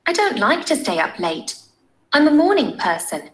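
Woman doing a textbook schoolgirl voice, bit high, bouncy, says everything clearly. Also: sing-song, moderate pace, poor audio. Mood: cheerful. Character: schoolgirl who is an early riser. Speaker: voice on a textbook listening track. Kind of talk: scripted textbook dialogue.

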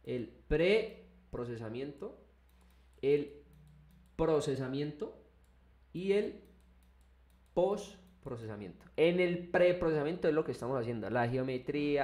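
Man teaching software, casual. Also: mid-range voice. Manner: conversational, repeats "¿listo?" and restarts often. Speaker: engineering instructor. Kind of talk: screen-recorded software tutorial.

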